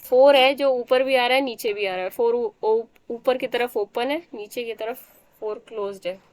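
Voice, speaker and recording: A woman's voice: fairly high pitch, moderate pace, dry recording. A woman teacher giving a math lecture, explaining step by step and often checking that the students understand.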